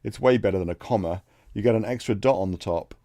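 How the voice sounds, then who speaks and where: A man reading out the lines of a bored, uptight young woman desk clerk in a text adventure game, in a flat voice. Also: on the low side, quick pace, no echo, close to an everyday voice.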